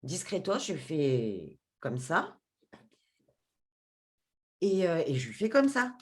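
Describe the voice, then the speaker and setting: A woman's voice: low voice, slow, slight background noise. A woman, a podcast guest, telling a personal story with feeling and acting out the conversations in it. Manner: expressive, re-enacts dialogue in her story.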